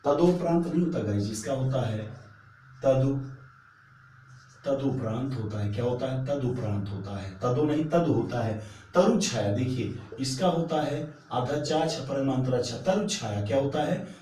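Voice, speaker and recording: A man's voice: mid-range voice, lively intonation, unhurried, dark tone, slight background noise. A male teacher giving an exam-prep spelling lesson, repeating each word and asking and answering his own questions. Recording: echoey room, mic at a distance.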